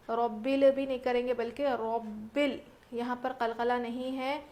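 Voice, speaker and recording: A woman with a fairly high voice gives a recitation lesson, keeping her pitch even and level throughout. She explains each rule patiently and step by step, often pausing on a rhetorical question before giving the answer. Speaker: Quran recitation teacher. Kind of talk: tajweed lesson with recited examples.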